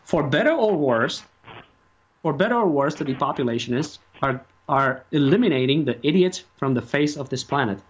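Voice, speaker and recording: A man giving opinions as a radio interview guest, speaking haltingly and emphatically and repeating his phrases. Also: fairly high pitch, lively intonation, slightly rough. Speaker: talk show guest and activist. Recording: muffled lo-fi audio, faint noise.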